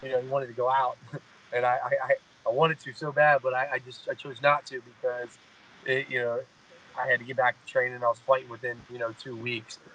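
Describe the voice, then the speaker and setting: A man's voice: mid-range voice, flat delivery, a little fast, pushed and bright, muffled recording. A man in his mid-thirties, a fighter, talking in a casual interview, rambling and repeating "you know what I mean". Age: 30s. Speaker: guest fighter.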